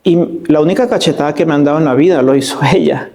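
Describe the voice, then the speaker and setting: Man, guest pastor, high-pitched, storytelling preacher who drags out his emphasis. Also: fast, darkish tone. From Venezuela. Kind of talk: sermon.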